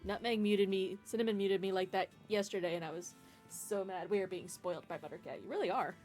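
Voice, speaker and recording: A woman's voice: mid-range voice, fairly quick, darkish tone, soft background music. A woman chatting casually as she plays a game on a stream. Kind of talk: casual chat while playing a game.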